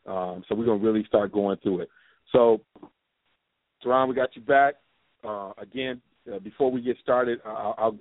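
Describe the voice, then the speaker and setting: Low-pitched man hosting over phone-like sound. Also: dry recording. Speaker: sports podcast host. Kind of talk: casual podcast chat. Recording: dry, phone-like narrow sound.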